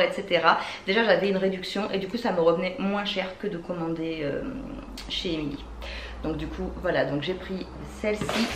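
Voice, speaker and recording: A woman's voice: medium pitch, fairly bright tone. A woman with a French accent, chatting enthusiastically through a beauty product haul, with many fillers. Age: adult with children. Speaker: beauty vlogger. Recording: echoey room, faint ambient noise.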